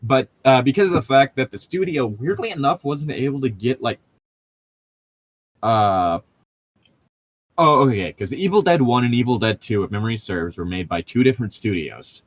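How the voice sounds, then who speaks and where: A mid-range, expressive male voice at a moderate pace belongs to a podcast co-host talking about a book. He chats jokingly and loosely, drifting into tangents and correcting himself.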